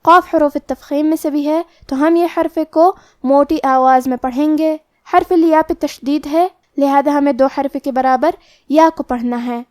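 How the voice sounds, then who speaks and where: High-voiced woman teaching recitation rules. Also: steady tone, a little mellow, no echo, clean studio sound. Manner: slow, careful step-by-step instruction. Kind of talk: explaining tajweed rules.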